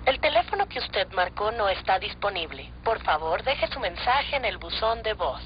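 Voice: medium pitch, sing-song, moderate pace. A recorded automated voicemail announcement in a formal, scripted manner, heard over a phone. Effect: recorded voicemail message heard over a phone. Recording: muffled phone line with loud noise.

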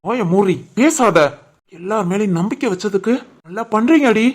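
A woman voicing a young husband and son in an animated family drama, scolding and stern, with a Tirunelveli Tamil accent. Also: mid-range voice, moderate pace, natural voice. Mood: angry. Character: young husband and son, short-tempered man.

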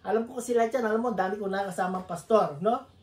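A woman preacher with a mid-range, darkish voice speaks fast during a sermon in church. She tells her congregation a joking story in a chatty, storytelling style, and the recording has a roomy echo.

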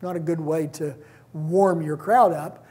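A man's voice: fairly high pitch, steady tone, unhurried, dark tone, husky. A man preaching a conversational sermon, reading scripture aloud with frequent restarts.

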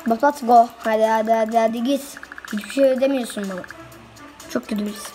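A woman giving casual let's-play commentary, excitably chanting quick repeated commands at the game. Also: on the high side, soft background music. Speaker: gameplay video host.

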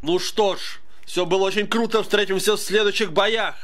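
Higher-voiced man commentating game fights. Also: normal speed, noisy background. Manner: excitable, informal, addresses viewers as friends. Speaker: host and tournament commentator. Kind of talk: live video game match commentary. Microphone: voice-over over game audio. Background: game music and fight sounds.

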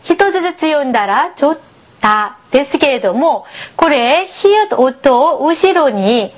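Woman, language teacher, high lively voice, patient, encouraging, slow clear model pronunciation. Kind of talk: beginner language lesson for learners.

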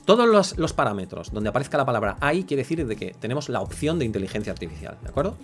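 Fast-talking man explaining software. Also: medium pitch, big pitch swings. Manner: chatty, explains step by step, frequent "¿vale?". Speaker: photo editing tutor. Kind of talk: screen-recorded software tutorial. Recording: faint background music.

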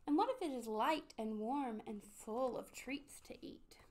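A woman voicing a gentle, encouraging mother character in a children's storybook. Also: on the high side, a little slow. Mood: gentle, reassuring. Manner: soothing, encouraging, tender. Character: gentle, reassuring storybook mother of a little one.

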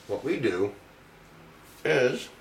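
A middle-aged man hosts a home cooking show, his medium-pitched voice very animated and stretching out words. He talks casually, throwing in wry, self-mocking, rambling asides, captured with roomy echo on a distant mic.

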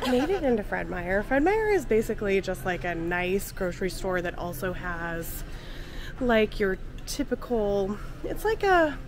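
A woman vlogger with a congested voice, gushing excitedly as she shops through busy stores on camera. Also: medium pitch, unhurried. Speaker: shopping vlogger host. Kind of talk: casual shopping vlog. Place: busy stores on a shopping day. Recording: crowd and store noise behind.

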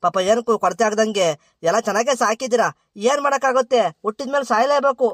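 Man doing a high-voiced village elder. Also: quick pace, no echo, studio quality. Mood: soothing. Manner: soothing, plain rural talk.

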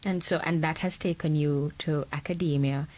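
A woman's voice: low-pitched, fairly even intonation, normal speed, darkish tone. A woman with a Jamaican accent hosting a radio interview in a small studio, upbeat and welcoming. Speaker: host. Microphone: studio microphone on a boom arm.

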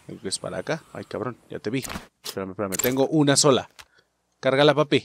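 A man with a Mexican accent commenting on a game he is playing, cursing constantly and shouting at enemies. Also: medium pitch, fast talker, vocal fry, a little hiss or hum. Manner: profane, excitable, shouts at enemies. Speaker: gaming channel host. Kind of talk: let's play commentary.

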